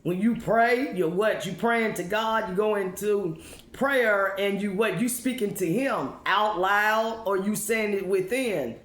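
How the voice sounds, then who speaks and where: A woman with a medium-pitched, slightly slow voice gives an informal motivational testimony as a spiritual speaker addressing her followers. She is emphatic and repetitive, using rhetorical questions and check-ins, and the room sounds echoey.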